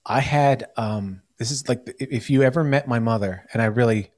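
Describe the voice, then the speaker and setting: A man's voice: mid-range voice, normal speed, a little mellow. An American man hosting a podcast in casual chat, rambling with many fillers and restarts. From United States. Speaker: podcast host.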